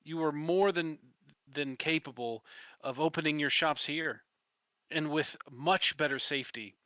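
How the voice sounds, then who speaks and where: A man's voice: on the high side, measured pace, sharp tone, no room sound. A man playing a hesitant, apologetic tinkerer woman. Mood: apologetic, earnest. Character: anxious, apologetic woman tinkerer, conflict-shy.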